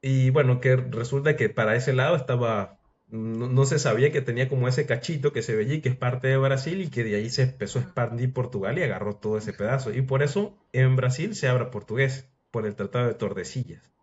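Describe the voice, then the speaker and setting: A man's voice: mid-range voice, a little fast, a little mellow. A man casually retelling a historical story in a loose, chatty way, now and then acting out quotes. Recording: dull lo-fi sound.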